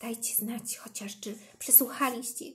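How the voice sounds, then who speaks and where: A woman reading a children's book aloud, gently voicing each character's lines and addressing her listeners as "kochani". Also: a little high, steady tone, a little slow, in a whisper. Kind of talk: storybook read-aloud.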